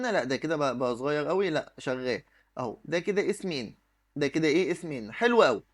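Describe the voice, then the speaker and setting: Egyptian man, Arabic teacher, exam review lesson, asks and answers his own questions, fairly high voice. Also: fairly bright tone. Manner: writes on the screen as he talks.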